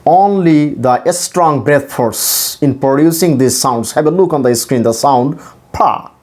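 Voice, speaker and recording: This male instructor, a native Bengali speaker with a Bangladeshi accent, models English pronunciation deliberately and repetitively. He sounds slightly high and slightly mellow.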